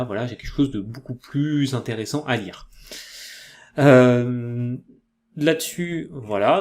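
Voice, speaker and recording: A man with a French accent giving a casual software tutorial, chatty and loose, with many fillers and self-corrections. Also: mid-range voice, vocal fry. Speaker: tutorial presenter.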